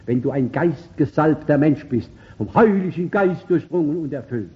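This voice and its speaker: A man preaches with fervor. His pitch leaps and falls widely, and he swings from loud calls to near-murmurs. The recording sounds dull and lo-fi. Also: expressive, moderate pace. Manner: emphatic, with sudden swings between loud calls and quiet asides. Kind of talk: sermon.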